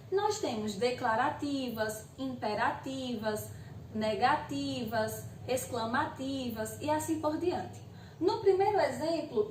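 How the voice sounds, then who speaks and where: Brazilian woman teacher, patient video lesson, high voice, recorded a little off the mic. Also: darkish tone, slight background noise. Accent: Brazilian Portuguese. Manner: explains patiently, checks in with "ok?" and "tá bom?"; voices the students' questions herself. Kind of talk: recorded video lesson for eighth-grade Portuguese. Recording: echoey room, voice a bit far from the mic.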